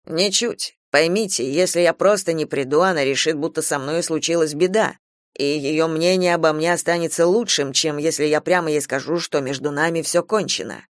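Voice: medium pitch, normal speed, no room sound, clean studio sound, close to an everyday voice. A reader voicing Troy, a young soldier, cool and mocking, in an audiobook. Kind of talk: audiobook character reading.

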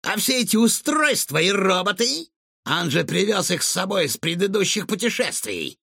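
A man's voice: sits high, sing-song, normal speed, creaky, sharp tone, breathy edge, dry recording, studio quality, pitched above the performer's own voice, heavily acted. A man voicing a menacing male mad-scientist villain who gloats and barks threats in a storybook reading. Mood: sneering.

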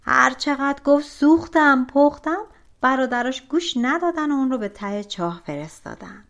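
A woman narrating a folk tale audiobook with expressive, animated storytelling. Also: high-pitched.

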